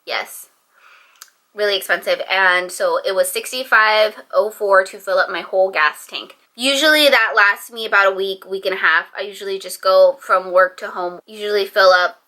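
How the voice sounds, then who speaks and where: Chatty bright-voiced young woman vlogger. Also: medium pitch, fairly even intonation, normal speed. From San Francisco Bay Area. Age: 20s. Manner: chatty, rambling with lots of "like". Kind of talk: casual chat to camera.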